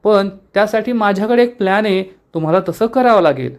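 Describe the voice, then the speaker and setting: A man's voice: high voice, brisk, pitched above the performer's own voice. A man voicing a scheming young sister-in-law who talks in a wheedling, gossipy way.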